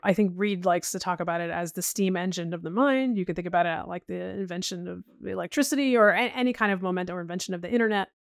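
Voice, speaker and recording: A woman's voice: fairly low pitch, fast, creaky, few pauses, no echo, clean studio sound. A middle-aged woman talking casually as a podcast guest, chatty, with frequent restarts and "you know"s. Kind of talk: casual interview chat.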